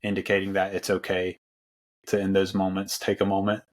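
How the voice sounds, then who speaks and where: Very low-pitched male podcast host, loose rambling film chat. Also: completely flat delivery, brisk. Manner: rambling, many fillers and restarts. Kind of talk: casual film discussion.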